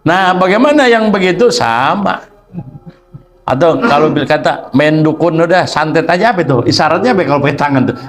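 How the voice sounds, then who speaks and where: A man's voice: fairly high pitch, animated, brisk. A man teaching a religious text lesson, explaining playfully with rhetorical questions. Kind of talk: kitab study lesson.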